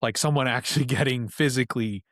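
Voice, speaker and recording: Talking quickly at medium pitch with a somewhat bright tone, a man guesting on a podcast spins casual stories, saying "like" a lot and swearing casually. The studio sound is clean, without echo.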